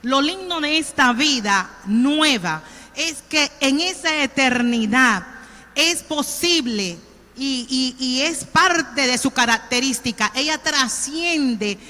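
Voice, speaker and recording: A woman's voice: high voice, lively intonation, takes it slowly, bright, forceful tone. A woman pastor from Colón, Panama, with a Panamanian accent, preaching a sermon in a conversational way and often checking in with the congregation. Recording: reverberant church hall.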